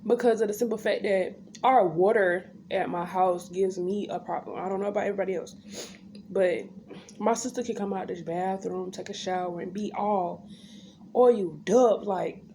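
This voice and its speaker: A young woman tells a story in a casual, unfiltered chat. Her voice is mellow and dark at an average pitch, and her wording is slangy and blunt. There is faint noise and room ambience behind her. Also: normal speed. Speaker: vlogger telling her birth story. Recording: background noise, home ambience.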